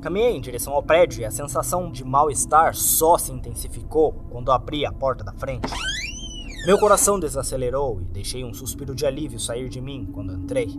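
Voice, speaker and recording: With background music beneath him, a Brazilian-accented male narrator reads a scripted horror tale in the first person, his delivery dramatic. He speaks briskly in a mid-range voice.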